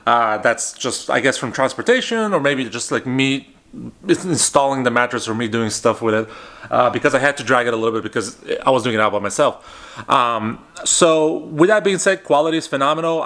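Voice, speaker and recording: A man's voice: medium pitch, fairly quick, fairly bright tone. A man in his thirties giving a casual, rambling product review at home in his apartment, with lots of fillers and restarts. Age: 30s. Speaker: vlogger.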